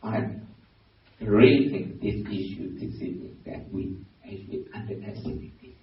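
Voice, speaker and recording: A man with a Burmese accent, a Buddhist monk giving a dharma talk, pausing and restarting often as he searches for words. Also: lowish voice. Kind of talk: dharma talk to a lay audience. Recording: very echoey hall, distant mic, dull lo-fi sound.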